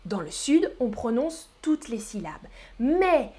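A woman from the Paris region teaching French pronunciation in a live online lesson, speaking with a Parisian accent and repeating each example slowly and carefully. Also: on the high side, sing-song, warm tone. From Paris region, France.

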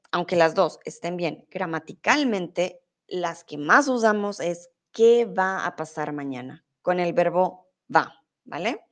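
Slow, patient woman teaching Spanish. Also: mid-range voice. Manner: patient, reads student comments aloud and explains slowly. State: voice a bit off today. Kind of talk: live online Spanish lesson.

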